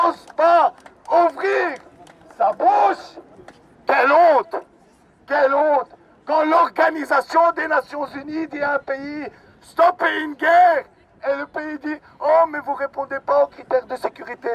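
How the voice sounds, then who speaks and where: Man fired up at a rally, high voice, slow and shouty, crowd faint behind. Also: a little hiss or hum, rough recording. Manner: fiery, indignant, shouting. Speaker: rally speaker. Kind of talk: impassioned rally speech. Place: outdoor street rally.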